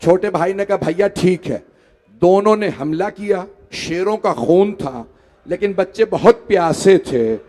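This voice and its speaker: A man with a high-pitched voice delivers a mourning sermon to a gathering. He pleads with his listeners and rises into loud, wailing lament as he recites. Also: a little slow. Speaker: majlis orator. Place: mosque hall.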